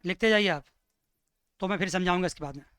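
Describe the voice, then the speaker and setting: A male teacher gives an economics lecture in a crisp, clear voice, pitched high for a man. He keeps asking the class questions and slows down to dictate notes. The recording is dry and close. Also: no room sound. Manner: lively, asks students questions.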